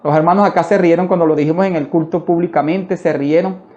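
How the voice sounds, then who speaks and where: Male preacher, fervent testimony sermon, mellow dark tone, muffled lo-fi church recording. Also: a little high, fairly even intonation, fast. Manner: fervent, repeatedly addresses listeners as "hermano".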